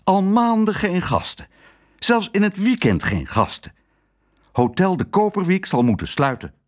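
A man's voice: sits high, very animated, unhurried, pitched above the performer's own voice. A man doing a fretful hotel owner. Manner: fretful, complaining. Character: gloomy, anxious middle-aged male hotel owner.

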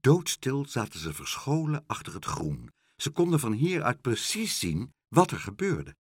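Man, storybook reading, playful, dry close sound, husky voice. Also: medium pitch, unhurried, no echo. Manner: lively character voices, playful. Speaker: narrator.

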